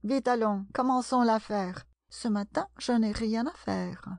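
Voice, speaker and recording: A woman's voice: fairly high pitch, unhurried, gravelly, a little mellow, no room sound, studio quality. A woman reading aloud and voicing a spiteful male dog in a storybook rhyme. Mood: gloating. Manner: gloating.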